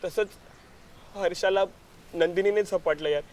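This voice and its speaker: An actor playing an anxious young man who pleads and hesitates as he tries to calm his friends. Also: sits high, measured pace, slight background noise. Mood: hesitant.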